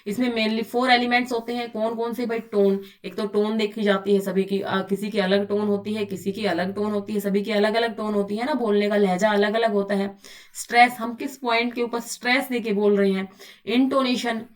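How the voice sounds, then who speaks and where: In a recorded online exam-prep lecture, a woman poses rhetorical questions to her students and answers them herself, frequently calling them "bhai." Her mid-range voice comes through a distant mic.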